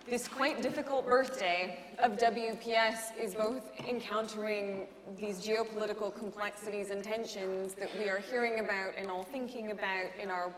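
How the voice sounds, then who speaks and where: A woman moderating an academic panel and inviting questions in a polite, measured way. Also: mid-range voice. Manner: polite, measured, lightly laughing. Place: large lecture hall. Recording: echoey hall with faint noise.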